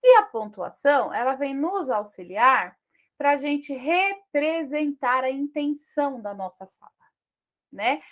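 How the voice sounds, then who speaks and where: A woman teacher with a Brazilian accent giving a lesson on punctuation, checking in with listeners through frequent tag questions and reading example sentences slowly. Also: sits high, very animated, fairly bright tone. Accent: Brazilian Portuguese.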